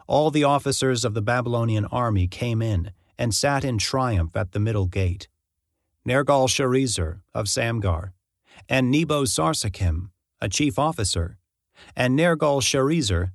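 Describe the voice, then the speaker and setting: A man narrating a Bible passage in an even, measured reading style. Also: mid-range voice, no room sound, clean studio sound. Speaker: scripture reader.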